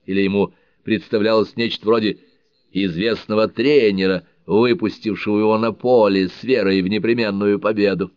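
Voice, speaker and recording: A man reading an audiobook, voicing a thoughtful, skeptical middle-aged man who speaks in a measured, reflective way, on a dull lo-fi recording. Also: fairly low pitch, fairly even intonation, smooth, no echo, natural voice.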